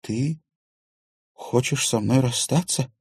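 A man's voice: medium pitch, takes it slowly, a little mellow, slightly rough, no room sound, clean studio sound, pitched above the performer's own voice. A man reading an audiobook, voicing a hurt young woman in hospital who speaks hesitantly. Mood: shaken. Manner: hesitant, shaken, stubborn.

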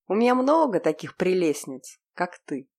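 A woman's voice: lowish voice, sing-song, normal speed, a little mellow, husky, heavily acted. Woman playing a cold, commanding young man. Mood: mocking. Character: cruel, callous young man who keeps captives.

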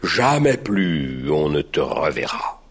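A timid, husky baker. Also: male voice, rumbling low, big pitch swings, slow, heavily acted. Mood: mournful. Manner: lamenting, tearful storytelling. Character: timid, mild baker telling his woeful tale.

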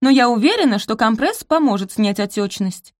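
A woman's voice: fairly high pitch, animated, normal speed, dry recording, clean studio sound, pitched above the performer's own voice, close to an everyday voice. A woman reading aloud and voicing a haughty, spoiled young lady who snaps and sneers. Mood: mocking. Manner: snapping, scornful.

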